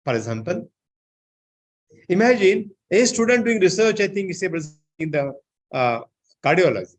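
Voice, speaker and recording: A man giving an online seminar lecture, often filling pauses with "I think, you know". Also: high-pitched, sing-song. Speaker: seminar speaker.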